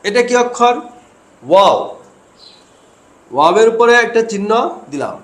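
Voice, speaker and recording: A man's voice: high-pitched, big pitch swings, normal speed, fairly bright tone, echoey room, rough recording. A man teaching Quran recitation step by step, asking questions and answering them himself while he drills syllables.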